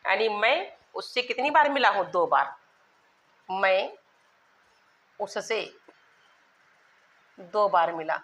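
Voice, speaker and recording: A woman's voice: medium pitch, takes it slowly, long pauses, a bit bright, rough recording. A woman teaching a grammar lesson to exam students, spelling out words letter by letter and repeating phrases as she asks and answers her own questions.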